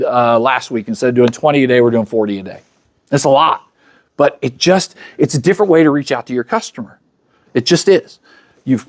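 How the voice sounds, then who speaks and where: A man in his fifties giving a motivational talk at a business luncheon. He chats directly with the audience and acts out quoted conversations. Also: a little high. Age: 50s. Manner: chatty, speaks directly to the crowd. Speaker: luncheon speaker.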